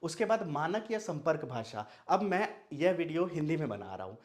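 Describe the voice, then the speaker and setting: In an online Hindi video lesson, a young Maithili-speaking man from Madhubani, Bihar, India, explains the material by asking questions and then supplying the answers. His fairly high voice is a little mellow, swings widely in pitch, and keeps a moderate pace.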